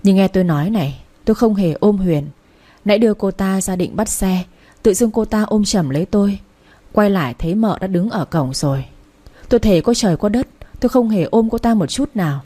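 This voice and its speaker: A woman's voice: mid-range voice, expressive, fairly quick, warm tone, lightly acted. A woman voicing a young husband who coaxes and insists as he pleads with his wife. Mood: defensive. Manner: coaxing, insistent.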